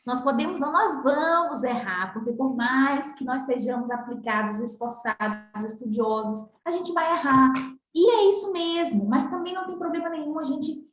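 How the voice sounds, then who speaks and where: A woman's voice: high-pitched, expressive, normal speed, fairly bright tone, echoey room, faint music behind. A woman psychologist speaking in a reflective, emphatic way in conversation. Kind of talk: casual conversation.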